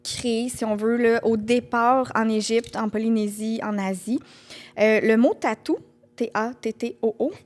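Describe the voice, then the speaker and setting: Young Québécois woman host, higher-pitched, casual and swearing a bit. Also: steady tone, a little slow. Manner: presents statistics with playful swearing. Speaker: podcast host. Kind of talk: casual chat.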